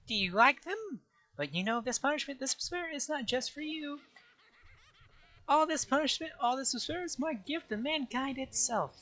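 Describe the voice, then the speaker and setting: A man's voice: very high-pitched, lively intonation, moderate pace, sharp tone, pitched above the performer's own voice, full character voice, poor audio. A man voicing a gleeful, sadistic mascot villain from a video game in an exaggerated, theatrical way, reading the lines aloud. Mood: gleeful, menacing.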